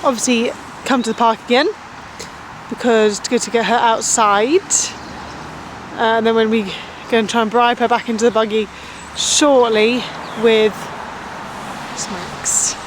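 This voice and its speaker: A woman's voice: on the high side, steady tone, moderate pace, pauses often, background noise. A woman, a mum of two, rambling through her day in a casual vlog with lots of "like". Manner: rambling, chatty, fillers of "like". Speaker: vlogger mum.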